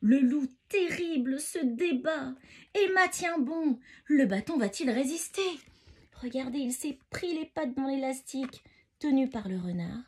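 A woman's voice: high-pitched, expressive, unhurried, darkish tone. A woman reading a bedtime story to children, talking to them directly and expressively.

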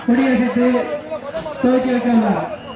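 A man announcing a live outdoor event over a loudspeaker PA system, loudly calling out names and repeating them. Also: very high-pitched, fairly even intonation, a little slow, lo-fi sound. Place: outdoor festival arena. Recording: echoey loudspeaker from far off with loud crowd. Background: loud cheering crowd.

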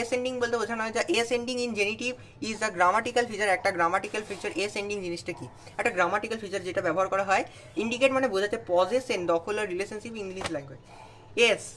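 A man's voice: sits high, fairly bright tone. A young man with a Bengali accent giving an exam revision lesson, explaining terms and checking that students follow. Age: young adult. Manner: explains terms then asks students "understand?". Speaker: tutor.

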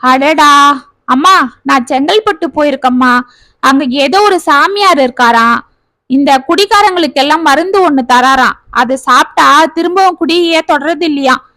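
Woman putting on a chatty maid, rambles on, high bright voice. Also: normal speed, dry recording, clean studio sound. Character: talkative working-class maid, middle-aged woman.

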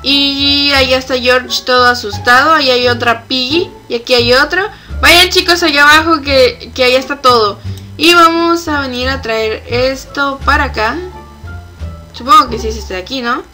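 A young woman giving let's-play commentary on a game, excitable, shrieking and laughing when chased. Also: high voice, moderate pace, faint music behind. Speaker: gamer.

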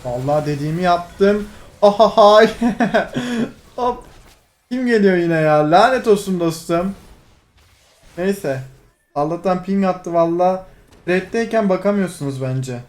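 A young man giving lively, excitable commentary over his own gameplay, teasing teammates, laughing and shouting now and then. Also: sits high, unhurried. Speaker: gaming streamer.

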